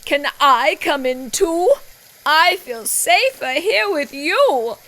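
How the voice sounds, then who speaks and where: A woman's voice: sits high, animated, takes it slowly, sharp tone, voice pushed up, heavily acted, low-quality recording. A woman voicing timid farm animals in a children's storybook, with pleading, sing-song rhyming delivery. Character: timid farm animals: goat, hen, goose, cow.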